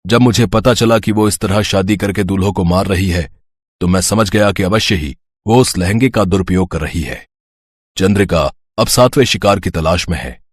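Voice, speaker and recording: A man voicing a very old tantric holy man in an animated story, speaking with solemn warnings. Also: low voice, normal speed, husky, no echo. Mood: urgent.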